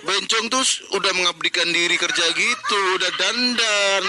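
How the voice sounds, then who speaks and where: A man's voice: sits high, moderate pace, pushed and bright. A man co-hosting a comedy talk show who mockingly roasts callers with laughing sarcasm. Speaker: co-host. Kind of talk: comedic banter.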